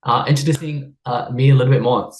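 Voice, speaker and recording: Talking fast with fairly even intonation, a medium-pitched American coach from the Seattle area leads a video-call workshop on stress and wellbeing. He is upbeat and chatty, laughing often and using lots of fillers, on a rough recording.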